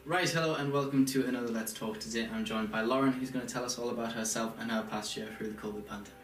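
Interview host: man, brisk casual questioning, mid-pitched, echoey room with faint music behind. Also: fairly even intonation. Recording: roomy, distant mic, faint music underneath.

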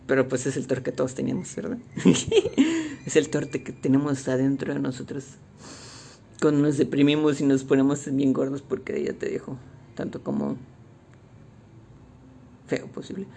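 A young man with a Mexican accent, casually recapping a movie in slangy, animated talk and acting out the quotes. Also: mid-range voice, vocal fry. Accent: Mexican Spanish.

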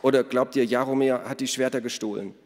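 A man's voice: medium pitch, fairly even intonation, a little fast, voice pushed up, lightly acted. A man voicing a cheeky, know-it-all girl who talks in an eager, teasing way, in a storybook reading with long reverb.

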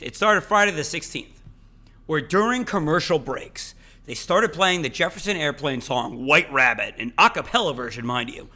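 Man, podcast co-host, casual chat, bright tense voice, opinionated, voice cracking. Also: fairly high pitch. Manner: animated, opinionated, swears freely.

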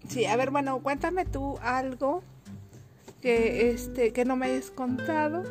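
A woman's voice: high-pitched, animated, slow pace, over music. A woman with a Mexican accent co-hosting a podcast, mock-scolding and laughing in casual chat. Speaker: podcast co-host.

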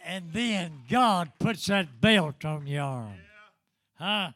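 Old preacher guy, pretty high voice, takes his time, folksy and emphatic, pentecostal type sermon. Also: animated, slow pace, fairly bright tone. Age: 70s or older. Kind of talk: fervent Pentecostal-style sermon.

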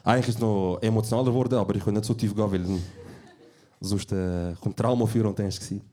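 Low, husky Swiss German man. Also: fairly even intonation, rapid-fire, dark tone. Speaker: podcast co-host. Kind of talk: casual chat recorded live. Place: small venue, live recording.

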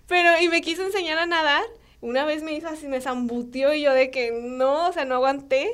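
A young woman with a Mexican Spanish accent and a high voice speaks at a normal pace as a podcast guest. She tells stories in a casual, animated way, acting out dialogue in different voices and using lots of fillers.

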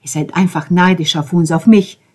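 A woman voicing an enraged young man who shouts and swears in a German audiobook. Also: on the low side, flat delivery, moderate pace, vocal fry, slightly rough. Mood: furious. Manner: shouting, swearing, loud and raised. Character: furious young man cursing at everyone. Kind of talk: audiobook character voice.

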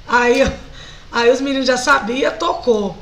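This Brazilian singer speaks with a Brazilian Portuguese accent, her voice sitting high and her pace unhurried. As a guest in a casual interview, she tells stories animatedly and laughs often. The audio quality is poor.

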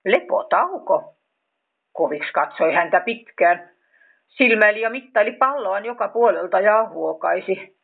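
A woman narrating a storybook in a calm, steady reading voice. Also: mid-range voice, gravelly, breathy edge. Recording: tinny phone-like sound.

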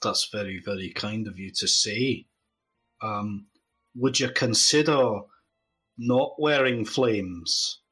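A man's voice: lowish voice, slow, pushed and bright, breathy edge, faint music behind, heavily acted, low-quality recording. A man voicing a dry, unimpressed tavern owner interviewing a job applicant. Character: gruff older male tavern owner interviewing staff.

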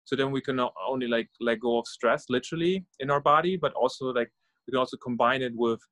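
A middle-aged man from Norway and Germany, a guest on an interview, thinking aloud in a relaxed way with many fillers and soft sighs. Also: medium pitch, fast, no room sound. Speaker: guest, startup founder and meditation guide. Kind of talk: casual interview conversation.

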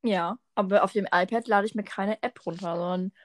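A woman's voice: mid-range voice, fairly even intonation, brisk, no echo, clean studio sound. A teenage girl chatting casually with a friend, acting out little stories and quoted exchanges. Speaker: podcast co-host. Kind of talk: casual chat between friends.

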